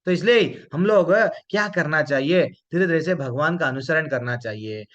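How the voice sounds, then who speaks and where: High bright-voiced man teaching scripture. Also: moderate pace. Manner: explains with rhetorical questions, recites Sanskrit verses. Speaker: Bhagavad Gita teacher. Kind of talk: devotional class talk. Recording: dull lo-fi recording.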